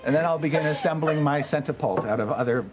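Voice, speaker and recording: A man's voice: fairly high pitch, quick pace, noisy background. A man playing as a guest in a tabletop game, gleefully describing what his character does. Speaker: guest player. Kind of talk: tabletop role-play.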